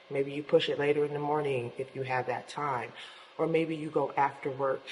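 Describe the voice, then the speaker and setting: A woman's voice: rumbling low, darkish tone. Woman vlogging in an echoing gym. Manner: encouraging, addresses viewers directly. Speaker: fitness vlogger and host. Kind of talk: casual motivational vlog talk to viewers. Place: indoors in an apartment building gym. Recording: echoing gym, long reverb, faint noise.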